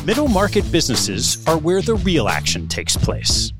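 A man's voice: fairly high pitch, huge pitch swings, normal speed, music in the background. A man hosting a podcast, reading a scripted introduction. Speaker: podcast host. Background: musical bed.

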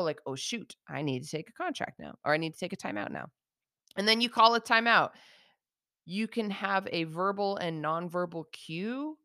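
A woman with a low, smooth, resonant voice hosts a casual advice podcast on communication. She talks directly and uses slang, slowing down to spell out example phrases. The recording is close and dry. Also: pushed and bright, dry recording. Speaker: podcast host teaching communication skills.

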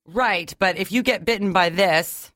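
Female morning-show co-host, slow and giggly, dry close sound. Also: mid-range voice, fairly bright tone, no echo. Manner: giggly, easily amused. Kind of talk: radio banter and story telling.

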